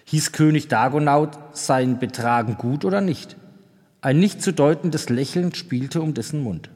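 A man narrating a children's storybook in a calm, even storytelling manner. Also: fairly high pitch, a little slow. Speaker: audiobook narrator. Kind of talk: scripted narration. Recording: long reverb.

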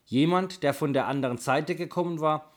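A man's voice: fairly high pitch, a little fast, natural voice. A man reading aloud as a curious, eager teenage boy, in his own plain voice.

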